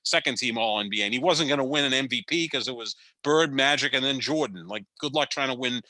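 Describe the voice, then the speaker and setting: A man in his fifties co-hosts a sports podcast, speaking quickly at mid-range pitch in a pushed, bright voice with no echo. He offers opinionated, rambling takes in casual debate and often restarts his sentences.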